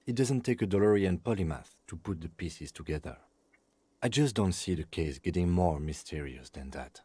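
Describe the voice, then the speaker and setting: A man voicing a calm, dry-witted police lieutenant in a video game, measured and precise, with deadpan sarcasm. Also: deep voice, slightly rough, no echo.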